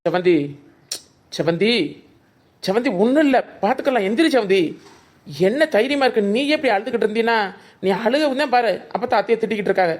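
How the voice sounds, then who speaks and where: A woman voicing a calm young village man in a cartoon, with a southern Tamil village accent, coaxing and placating the family. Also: fairly high pitch, a little fast, pauses often. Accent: southern Tamil Nadu village Tamil. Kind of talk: cartoon voice acting.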